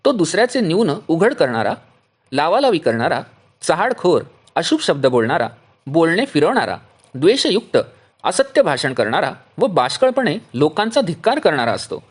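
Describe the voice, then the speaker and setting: A man reading and explaining a devotional text, listing traits one by one with measured pauses. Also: fairly high pitch, sing-song, breathy edge. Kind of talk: steady devotional reading of a list.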